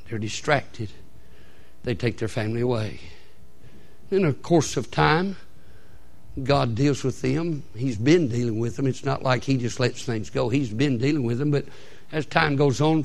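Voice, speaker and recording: A male pastor preaching a sermon, building to shouted peaks and stretching words out for emphasis. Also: mid-range voice.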